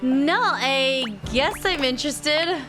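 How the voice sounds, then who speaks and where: A woman's voice: sits high, slow pace. A woman gamer reacting casually to a dating sim as she plays, with game music behind her.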